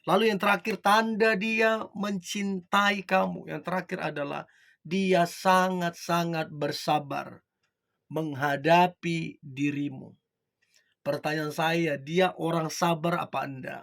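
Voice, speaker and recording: A man's voice: fairly high pitch, level tone, takes it slowly, creaky, fairly bright tone. A man giving relationship advice to his viewers in an earnest talk, asking the listener question after question. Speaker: motivational speaker.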